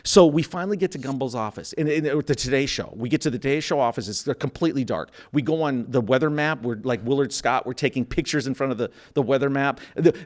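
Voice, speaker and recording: A man's voice: medium pitch, quick pace, hardly any pauses. A man in his fifties from Minnesota, hosting a podcast and telling a story casually, acting out the quotes and laughing often. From Minnesota, USA. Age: 50s. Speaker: podcast host.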